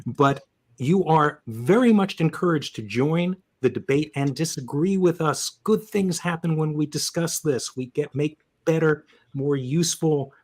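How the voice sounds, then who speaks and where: A man's voice: on the high side, a little mellow. Upbeat man hosting a webcast. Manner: upbeat, joking. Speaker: podcast host.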